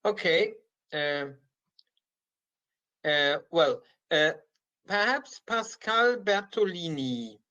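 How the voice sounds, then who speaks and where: A man's voice: a little high, animated, very slow, long pauses, pushed and bright, muffled recording. A man hosting an online conference, moderating and handing the floor from one speaker to the next.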